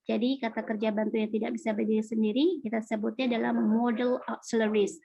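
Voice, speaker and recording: A woman's voice: on the high side, little pitch movement, fast talker, vocal fry, warm tone, rough recording. A woman English teacher with an Indonesian accent, casually explaining grammar and answering student questions in an online class.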